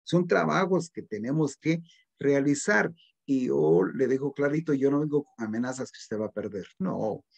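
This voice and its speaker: In a recorded literature class, a middle-aged male teacher with a Guatemalan Spanish accent earnestly urges his students to read and write well, addressing them formally. His medium-pitched voice is animated, creaky and darkish, delivered at a moderate pace.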